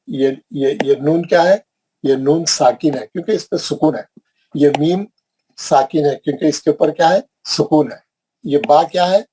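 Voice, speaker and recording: Man teaching quran recitation online, husky mellow voice, keeps asking the class questions. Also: fairly high pitch, low-quality recording. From India. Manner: repetitive, questioning, drilling the class.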